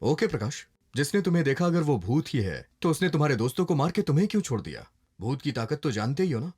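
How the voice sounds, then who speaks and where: A skeptical, lecturing police investigator. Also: male voice, fairly high pitch, big pitch swings, fast, a little mellow, breathy edge. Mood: firm, persuasive. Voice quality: lecturing, persuasive, sprinkles English phrases. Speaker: police officer. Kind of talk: dubbed film dialogue. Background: film score music.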